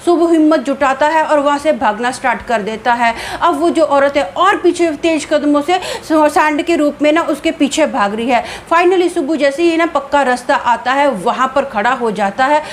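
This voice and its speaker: A woman narrating a horror story in a lively, dramatic way. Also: high-pitched, normal speed, few pauses, a little hiss or hum.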